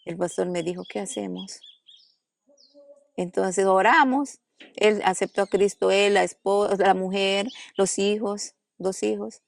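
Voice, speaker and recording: With a creaky, medium-pitched voice and fairly even intonation, a woman pastor from the Amazon jungle speaks at a measured pace. In an interview at a family house in a jungle village, she recounts her testimony and dramatizes the quoted lines.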